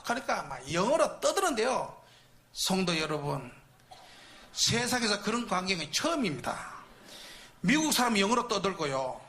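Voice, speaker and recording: A male preacher with a high-pitched voice and a moderate pace tells his testimony as a storytelling sermon at a Friday night church service. He's animated throughout, shouting as he reenacts scenes in the sanctuary.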